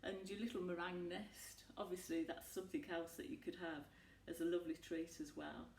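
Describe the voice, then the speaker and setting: A woman's voice: on the low side, level tone, fairly quick, a little mellow, slight background noise. A woman giving a chatty cooking demonstration in a home kitchen, talking to viewers with homely asides. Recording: echoey room, mic at a distance.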